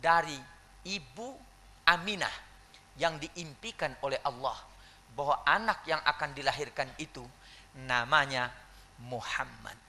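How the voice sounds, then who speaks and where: Bright high-voiced preacher in a hall. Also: male voice, measured pace, pauses often, a little hiss or hum. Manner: animated storytelling, acting out quoted voices with laughter. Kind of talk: sermon.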